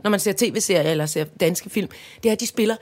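A middle-aged woman, an actress co-hosting a podcast, talking emphatically and teasing her co-host in casual chat. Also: mid-range voice. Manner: gushing, emphatic, playful teasing.

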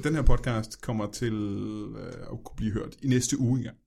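A man hosting a podcast, asking his guest mock-serious questions in a deadpan way. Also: lowish voice, vocal fry. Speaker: podcast host. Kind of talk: casual podcast interview.

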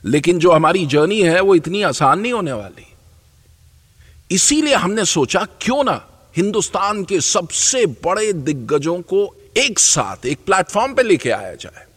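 A man's voice: high-pitched, very animated, unhurried, fairly bright tone, husky, in a large hall. A man hosting a podcast, giving an enthusiastic scripted introduction in an announcer-like way. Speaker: podcast host.

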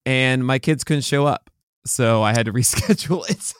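Guy with a bit of a hoarse voice, rambly podcast chat, dry close mic. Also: medium pitch, normal speed, no room sound. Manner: rambling, self-correcting. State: slightly hoarse. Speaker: podcast co-host. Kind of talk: casual chat.

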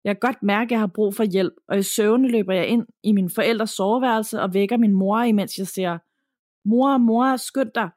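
A woman podcast host reading a listener's letter aloud in a calm, even storytelling manner. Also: mid-range voice, few pauses, no room sound, studio quality.

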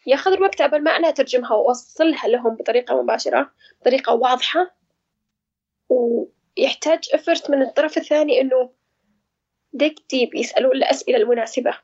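Quick, hesitant woman. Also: sits high, a little mellow, slightly rough, dull audio. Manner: hesitant, searching for words, reflective. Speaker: guest sharing personal experience. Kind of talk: casual conversational interview.

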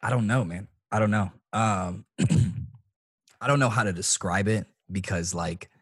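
A man talking about basketball in a casual sports chat, choked up and halting, with many restarts and fillers and some casual swearing. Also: on the low side, husky, dry recording.

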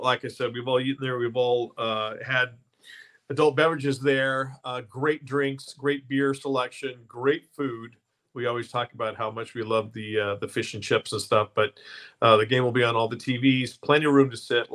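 Male podcast host, casual and chatty, stumbles and corrects himself, average pitch. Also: fairly bright tone. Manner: chatty, promotes the sponsor with many fillers and self-corrections. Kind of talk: casual live-stream chat.

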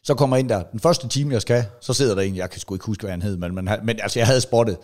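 A man's voice: fairly low pitch, darkish tone. A middle-aged man, a comedian co-hosting a podcast, telling rambling stories with lots of swearing and restarts. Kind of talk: casual chat, telling stories.

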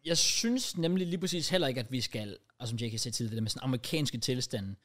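A man's voice: mid-range voice, animated, fairly bright tone. A young adult man with a Danish accent chatting casually, swearing and mixing English slang into his talk. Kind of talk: casual chat.

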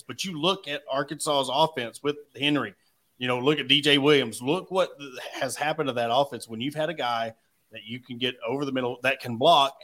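Male sports host, mid-pitched, folksy and conversational delivery. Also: fairly bright tone. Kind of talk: casual sports talk.

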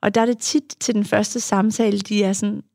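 A young woman speaks frankly about her past and her work, pausing for thought with fillers. Her voice is heavily gravelly with vocal fry. The sound is close and dry, with no room echo. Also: mid-range voice, steady tone, dark tone. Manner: frank, reflective, with frequent fillers. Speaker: guest, adult child of an alcoholic; youth therapist. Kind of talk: candid conversational storytelling.

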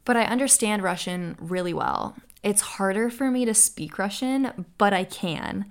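A young American woman answers listener questions on her solo podcast, upbeat and earnest. Her medium-pitched voice is expressive and unhurried.

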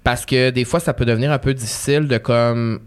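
A man's voice: mid-range voice, fairly even intonation, fairly quick, clean tone. A man with a Québécois accent, a podcast guest chatting casually and hesitating with many fillers. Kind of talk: casual chat, reading listener stories aloud.

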